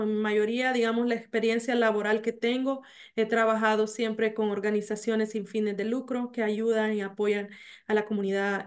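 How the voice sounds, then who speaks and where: Hesitant woman on a video call. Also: fairly high pitch. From El Salvador. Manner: hesitant, many fillers and restarts. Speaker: mayor, interview guest. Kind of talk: remote interview. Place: small home office.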